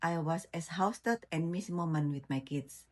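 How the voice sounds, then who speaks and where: A woman from Indonesia speaks in a fairly low voice, softly and sincerely. She delivers her testimonial in a plain, unhurried way. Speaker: former healthcare worker.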